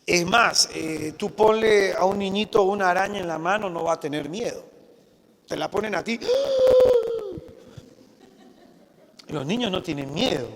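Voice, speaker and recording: A man's voice: high-pitched, moderate pace, gravelly, fairly bright tone, a little hiss or hum. A man preaching a sermon, calling his listeners brothers and acting out the worried voices of anxious people. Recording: long hall reverb.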